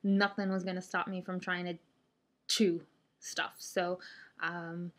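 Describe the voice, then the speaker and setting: A woman's voice: fairly low pitch, flat delivery, slow. A woman chatting casually to camera as a vlogger, hesitant and thinking aloud, speaking with a stiff mouth and limited jaw opening after jaw surgery. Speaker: vlogger sharing surgery recovery update.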